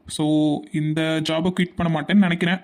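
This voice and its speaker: Someone voicing a cheeky young brother. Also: male voice, on the high side, level tone, a little fast, close to an everyday voice. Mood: breezy. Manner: playful and teasing. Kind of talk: Tamil cartoon dubbing.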